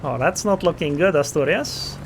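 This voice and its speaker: Game sounds sit under this man's voice, which is on the high side and moves at normal speed against a noisy background. He's an Estonian-speaking commentator casually narrating a naval battle game live, thinking aloud and muttering plans and small reactions amid engine and gunfire noise.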